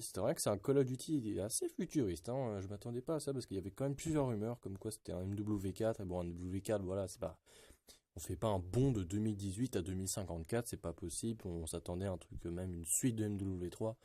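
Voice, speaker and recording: Male gaming vlogger, low mellow voice, loose rambling delivery. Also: fairly quick, no echo. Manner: rambling, many fillers and restarts. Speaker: gaming YouTuber. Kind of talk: casual gaming commentary.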